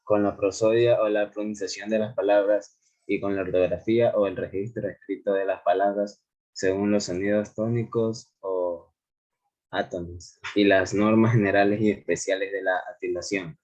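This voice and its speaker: A man presenting to his class, reading haltingly with pauses and restarts. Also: lowish voice, flat delivery, darkish tone. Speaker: student presenter. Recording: dull lo-fi call audio.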